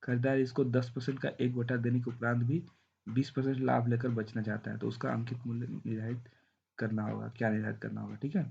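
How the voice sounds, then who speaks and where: A man's voice: medium pitch, flat delivery, a little fast, gravelly, a little mellow, dull audio, slight background noise. A man teaching a math lesson with a sore throat, walking through the arithmetic step by step and checking in often. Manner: walks through arithmetic step by step, often saying "thik hai".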